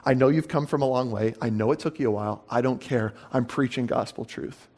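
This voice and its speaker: A calm, resolute preacher, as a man puts him on, speaking low and hushed yet unbending. The voice drops well below a normal speaking level and stays quiet and firm. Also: fairly quick, natural voice. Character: calm, resolute male preacher addressing critics.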